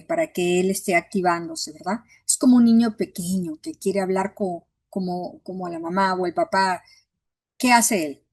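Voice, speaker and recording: A woman's voice: mid-range voice, a little mellow, no echo. Earnest woman pastor teaching, dry sound. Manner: earnest, encouraging, acts out her own prayer coaching. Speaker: pastor teaching a Bible class. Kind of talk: Bible class teaching.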